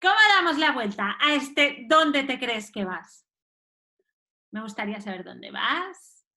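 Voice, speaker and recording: Brief: female course instructor, high, animated pitch, coaxes the group along. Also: unhurried. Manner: reads phrases and rephrases them, coaxing participants. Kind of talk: live webinar teaching.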